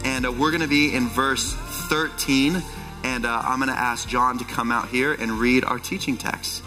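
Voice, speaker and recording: A man's voice: medium pitch, steady tone, normal speed, pushed and bright. A man preaching a sermon as pastor at a pulpit microphone, teaching earnestly and quoting scripture. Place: church sanctuary with long reverb. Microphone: speaking at a pulpit microphone. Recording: long hall reverb, faint music.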